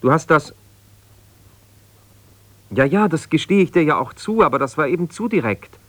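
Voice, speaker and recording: In a naturalistic 1970s German radio drama, an actor plays an aggrieved, self-justifying middle-aged husband in a one-sided conversation. His fairly high, animated voice, recorded with no echo, sounds wounded and reproachful as he argues haltingly, breaking off mid-sentence.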